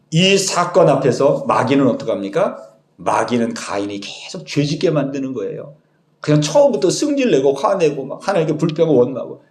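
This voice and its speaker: Man, pastor, emphatic sermon, animated delivery, roomy church sound. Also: a little high. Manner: emphatic, lively, asks the congregation questions. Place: church sanctuary. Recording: echoey church hall.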